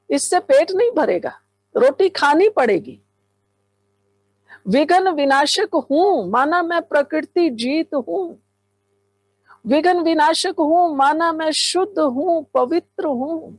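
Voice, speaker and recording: A woman spiritual teacher guides a meditation in a fervent, exclamatory way, turning often to her listeners. Her voice sits high and she takes her time over every phrase. The recording is dry and close, with no room sound. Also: slow pace, no room sound.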